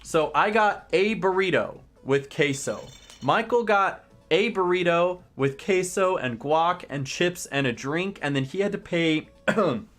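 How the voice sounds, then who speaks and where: This young male streamer, whose tone is fairly bright, talks loosely to his live audience. He rambles on with exasperated gripes, now and then bursting out high.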